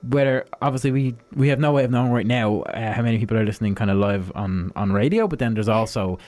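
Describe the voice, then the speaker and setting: A man's voice: mid-range voice, fast, a little mellow. A young man co-hosting a science show in casual chat, jokey, giggly and playfully teasing. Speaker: co-host of a science radio show.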